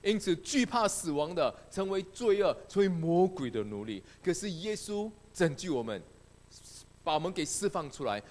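Male pastor, sermon, emphatic, exclamatory, high voice, animated pitch.

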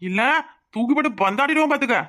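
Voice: high voice, animated, quick pace, bright, forceful tone. A performer voicing a boastful, doting young village husband and strong laborer in a cartoon, speaking with a southern Tamil accent in a swaggering, playful, protective way. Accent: southern Tamil (Tirunelveli). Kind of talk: cartoon voice acting.

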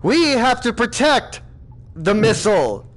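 A man with a high voice plays a bossy villain in a comedic game session. He keeps a mock-stern, exasperated tone, scolding his crew. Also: very animated, a little slow. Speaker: gamer playing a villain boss. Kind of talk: comedic gaming role-play.

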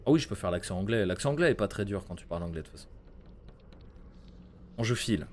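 A man's voice: on the low side, animated, fast, darkish tone, a little hiss or hum. Chatty man streaming a horror game. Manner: chatty, swears, greets chat viewers by name. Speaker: gaming streamer. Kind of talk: live gameplay commentary.

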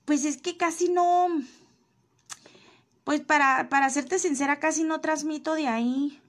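High-voiced chatty Mexican woman livestreaming. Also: fairly even intonation, unhurried. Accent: Mexican Spanish. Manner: chatty, teasing, indignant, addresses viewers as "chicas". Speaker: livestream host. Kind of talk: casual gossip livestream, reading viewer comments. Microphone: phone.

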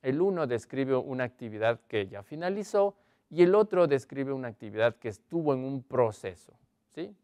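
Lively-pitched man teaching English grammar. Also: dry recording. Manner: explains in Spanish, reads English examples slowly; asks students questions often. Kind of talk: online grammar lesson.

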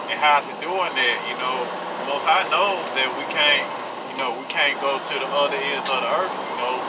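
A man preaches in a loose, halting way while driving, his words broken by fillers and restarts. His voice sits at an ordinary middle pitch. Heavy road and engine noise from the car runs under everything, picked up by a phone camera on the dashboard. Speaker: street preacher. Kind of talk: informal sermon. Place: inside a moving vehicle on a road.

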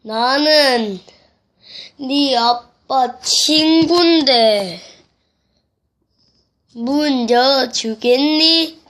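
A child voicing a rough-voiced ghost who tricks a kid into opening the door, teasing and playful. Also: male voice, very high voice, very slow, pauses often, fairly bright tone, exaggerated voice. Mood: coaxing. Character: rough-voiced male ghost pretending to be a woman.

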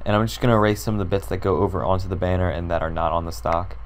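Speaking very fast with little pitch movement, a young man with a deep, low voice and a sore, hoarse throat narrates a computer design tutorial he created. His talk wanders as he thinks aloud and clicks through, full of ums and uhs, over a faint background hiss.

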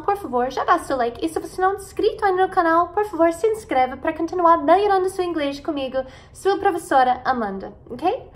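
An American woman whose first language is English, teaching an online pronunciation lesson. She draws out each model word and keeps checking in with "ok?" and "né?". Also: high voice. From United States. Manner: slow, drawn-out model pronunciations with frequent "né?" and "ok?" checks.

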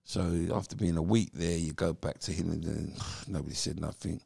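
A man, a podcast guest telling his story in a lively, animated way. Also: extremely low pitch, fairly quick, vocal fry, slightly rough, no echo, studio quality. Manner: animated storyteller who acts out voices. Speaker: podcast guest, former footballer. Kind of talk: casual interview storytelling.

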